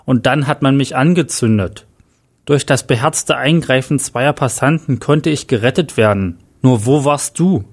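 A man's voice: mid-range voice, normal speed, husky. A man doing a disfigured half-faced stranger. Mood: earnest. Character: disfigured half-faced man, eerie then warm friend.

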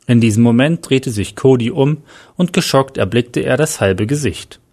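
A man reading out a dramatic story as narrator, at a plain, even pace. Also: medium pitch, normal speed.

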